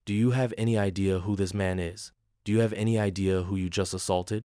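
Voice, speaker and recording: Guy reading as a grim old army general, cold and clipped, low voice, dry sound. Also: steady tone, brisk, mellow, dry recording, natural voice. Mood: stern. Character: stern commanding older male general.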